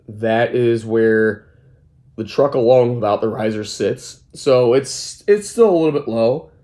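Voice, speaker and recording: Walking through his skateboard gear in a loose, filler-packed ramble, this twentysomething vlogger sounds hoarse from a cold, his mid-range voice carrying a darkish tone. He keeps moving, and the handheld phone or camera records him in an echoey room with a gym mat.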